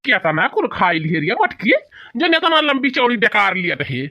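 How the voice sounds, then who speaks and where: A man's voice: sits high, big pitch swings, a little fast, dry recording, highs cut off. A man voicing a thin, complaining old village husband in a cartoon, with a whiny, grumbling manner. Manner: whiny and grumbling, with rustic dialect. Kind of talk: cartoon voice acting.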